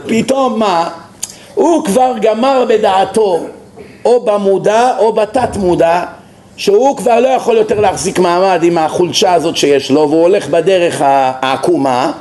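A man with a high voice lectures as a rabbi in a reverberant space, telling stories animatedly and putting rhetorical questions to his listeners. It is a religious lecture.

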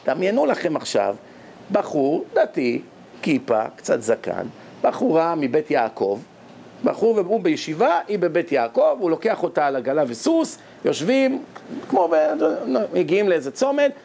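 A man's voice: creaky, a little hiss or hum. A man, preaching by telling a story and acting out the voices of its characters. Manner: animated, acts out characters' voices with sharp pitch jumps. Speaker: religious preacher. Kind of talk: sermon storytelling.

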